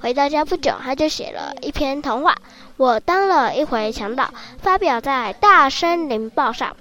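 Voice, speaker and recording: A woman narrating a children's story in a lively, expressive way. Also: high voice, moderate pace.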